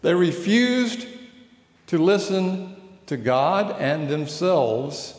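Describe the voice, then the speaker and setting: A man's voice: a little high, sing-song, extremely slow, darkish tone. A man preaching a sermon in a conversational way, often turning questions to his listeners. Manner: conversational, asks the audience questions. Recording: echoey hall with long reverb.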